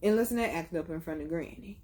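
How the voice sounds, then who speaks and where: A woman's voice: fairly low pitch, fairly quick, a little mellow. A young woman telling a blunt, profane story in a casual vlog. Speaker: vlogger.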